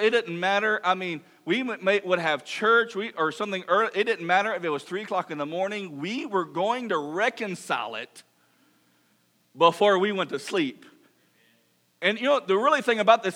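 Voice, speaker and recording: Pastor type, middle-aged man, high voice, lively preaching with jokey asides. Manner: lively preaching, reads Scripture, mock-apologizes in funny voices. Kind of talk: sermon.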